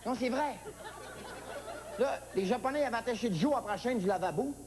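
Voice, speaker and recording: A high, lively Québécois man tells a comic childhood story at a quick clip, jumping into little character voices as he goes. The sound comes from an old TV recording with a clear hiss underneath. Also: big-room sound. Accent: Québécois French. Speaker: stand-up comedian. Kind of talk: comic monologue.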